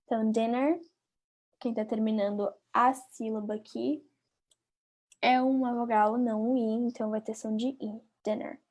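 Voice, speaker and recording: A woman with a Brazilian Portuguese accent teaching a live online English lesson. She repeats each word slowly and talks directly to her viewers. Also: on the high side, steady tone, a little mellow. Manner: patient, drills words by repeating them slowly, chatty asides to viewers.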